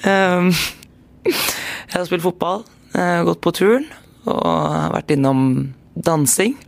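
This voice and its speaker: A woman's voice: lowish voice, lively intonation, vocal fry, dry recording. A young woman with an Eastern Norwegian accent, talking as an interview guest in a casual, hesitant way with many fillers and restarts. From Norway, grew up on Stord. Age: young adult. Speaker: guest, handball player.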